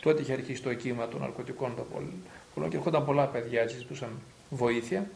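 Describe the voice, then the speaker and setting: A man's voice: medium pitch, creaky, a little mellow, slight background noise. A man, a priest, earnestly recalling an elder in a documentary interview. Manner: earnest, reflective storytelling. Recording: roomy echo.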